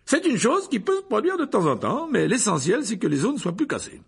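A pompous, showy wizard teacher booms out in a high, bright voice, as a man puts him on for an audiobook. He chatters on, vain and sure of himself, with a gravelly edge. The pitch swings all over. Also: huge pitch swings, brisk, exaggerated voice. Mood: boastful. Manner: booming, self-assured, chattering.

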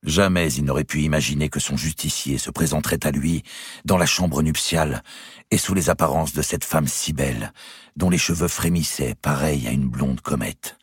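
A man narrating a historical novel as an audiobook, in a measured, dramatic way. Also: rumbling low, husky, no room sound, clean studio sound.

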